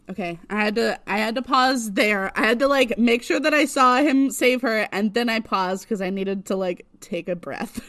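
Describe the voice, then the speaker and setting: A woman co-hosting a podcast, recapping a TV episode in casual chat, animated and laughing often. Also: mid-range voice. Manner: animated, laughs often, squeals at big moments. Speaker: podcast co-host.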